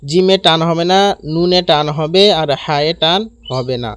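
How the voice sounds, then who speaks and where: A man teaching Quran reading in Bengali, spelling out letters in slow, drawn-out syllables and explaining quickly in between. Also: on the high side, fairly bright tone, clean tone, dry recording. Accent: Bangladeshi Bengali. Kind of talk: spelling-out recitation lesson.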